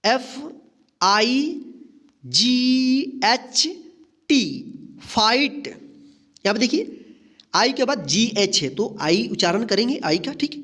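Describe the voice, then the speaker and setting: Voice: mid-range voice, expressive, slow, pauses often, a bit bright. A teacher giving a voice-over phonics lesson, spelling English words letter by letter and then reading each one aloud. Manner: asks the class questions and answers them himself.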